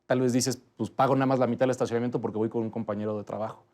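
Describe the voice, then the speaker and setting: A man, a guest in an interview, explaining transport policy in a steady, methodical way. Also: medium pitch, racing. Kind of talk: interview answers.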